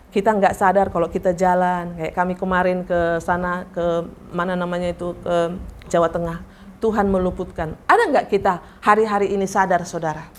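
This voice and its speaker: A woman pastor preaching a sermon in a church service, animated and often putting questions straight to the congregation. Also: medium pitch, slight background noise.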